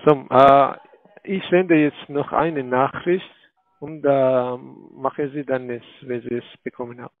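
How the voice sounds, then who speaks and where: A man who is not a native German speaker, talking haltingly on a phone call with many filler sounds and broken grammar. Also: mid-range voice, fairly even intonation, no echo. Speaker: scam call center agent. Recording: tinny dry phone line.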